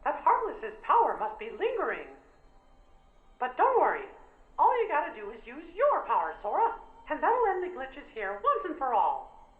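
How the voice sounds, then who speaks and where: A man voicing a small, kindly cartoon mouse in a video game, in a squeaky falsetto with a folksy, earnest manner. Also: wildly swooping pitch, moderate pace, echoey room, phone-quality sound, exaggerated voice. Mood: concerned, encouraging. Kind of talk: animated video game voice acting. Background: game music.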